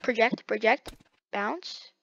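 A woman's voice: a little high, slow, gravelly, a bit bright, dry recording. A young woman giving live gameplay commentary, talking to herself dramatically with slang and lots of repeated words. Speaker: gaming creator. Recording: dull lo-fi dry mic.

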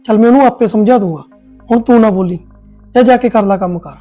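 A man's voice: high-pitched, fast talker, mellow, dull audio, faint music behind, lightly acted. A man playing an easygoing young husband in a joint family, placating both his wife and sister-in-law. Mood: calming. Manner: placating, peacemaking. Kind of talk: Punjabi family sketch acting.

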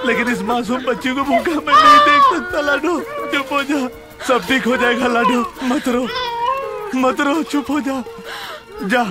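A poor, pleading rickshaw puller. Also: male voice, very high-pitched. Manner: pleading, consoling. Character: poor sick rickshaw puller, loving father. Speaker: supporting actor. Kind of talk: film drama acting. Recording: film soundtrack with loud music.

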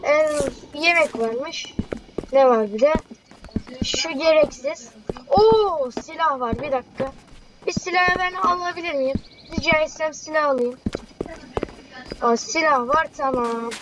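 Brief: high-pitched woman, casual chatty gamer, noisy background. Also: unhurried, long pauses. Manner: chatty, exclaiming, talks to viewers and teammate. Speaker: gamer playing with a friend. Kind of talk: casual gameplay commentary.

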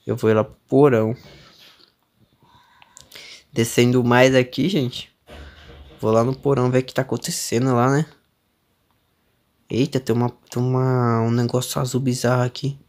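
A man's voice: medium pitch, flat delivery, moderate pace, long pauses, darkish tone. A young man with a Brazilian accent doing let's-play commentary on a horror game, nervous and jumpy, exclaiming often as he goes. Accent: Brazilian Portuguese. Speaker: gamer streamer.

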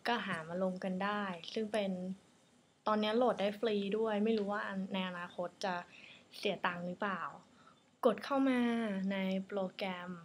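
A woman's voice: medium pitch, steady tone, moderate pace, a little hiss or hum. A woman giving a casual, polite tutorial on a ukulele tuner app, chatty and correcting herself as she goes. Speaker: ukulele teacher.

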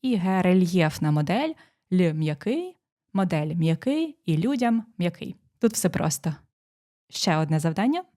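A woman teacher explaining exam phonetics, pronouncing sample words slowly and walking through each rule step by step. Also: fairly low pitch, sing-song, warm tone. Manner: dictating sounds slowly, explaining rules step by step. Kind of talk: exam prep lesson.

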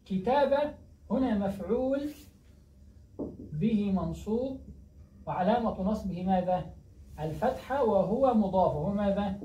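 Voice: mid-range voice, lively intonation, unhurried, long pauses, warm tone. Teacher quizzing and answering themself. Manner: asks questions and answers them, repeats key words. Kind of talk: grammar lesson. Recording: echoey distant dull recording, faint noise.

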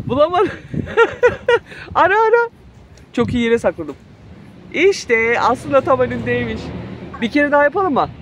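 Filming her children at play in the backyard with a handheld phone camera, a woman in her thirties narrates a relaxed family vlog. She's playful and coaxing, laughs a lot, and speaks in a high, very animated voice, a little slowly with many pauses. The background is noisy.

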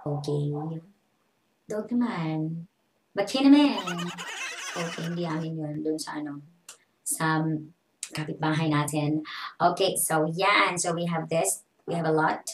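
A woman's voice: low voice, steady tone, measured pace, a little hiss or hum. A young woman with a Filipino accent, an online English teacher giving a casual, chatty tutorial in English and Tagalog. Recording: echoey room.

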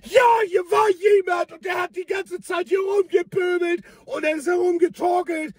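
A man doing a shrill, agitated old neighbor lady. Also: steady tone, a little fast, dry recording, studio quality, recorded from a distance. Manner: upset, loud, complaining. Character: flustered older woman neighbor.

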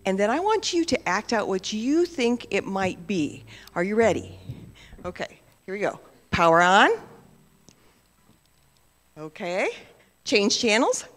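A woman's voice: mid-range voice, expressive, normal speed. A woman leading a playful children's message in church, talking to the kids and asking them questions. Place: church sanctuary. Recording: reverberant church hall.

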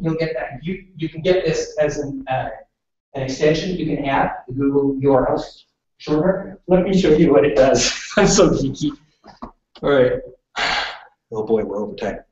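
A man's voice: on the high side, darkish tone. A man from western Canada leading a live classroom presentation in front of an audience. He talks in a chatty way and keeps checking in with "okay?". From British Columbia, Canada. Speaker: workshop presenter. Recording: roomy, distant, dull room recording.

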